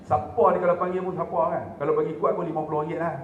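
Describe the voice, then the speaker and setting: A man's voice: fairly high pitch, rapid-fire, narrow, tinny audio, a little hiss or hum. A middle-aged man with a Malaysian Malay accent, telling jokey stories to a mosque audience in a forum talk. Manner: jokey, addresses the audience directly, animated storytelling. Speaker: religious speaker at a forum. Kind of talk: humorous storytelling talk. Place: mosque hall. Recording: echoey mosque hall with faint ambience.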